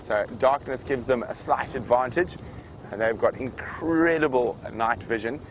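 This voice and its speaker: A man's voice: mid-range voice, measured pace. Male safari guide on a noisy savanna game drive. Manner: unscripted, conversational explaining. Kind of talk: live savanna safari commentary, explaining wildlife to viewers. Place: outdoors in an open safari vehicle in the bush. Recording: noisy outdoor vehicle ambience.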